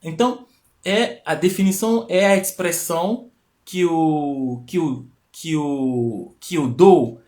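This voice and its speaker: A man whose first language isn't Portuguese leads a teaching live stream, speaking slowly in a voice on the high side with a darkish tone. Over his stream mic he explains, repeats the important phrases, and rises into emphatic peaks.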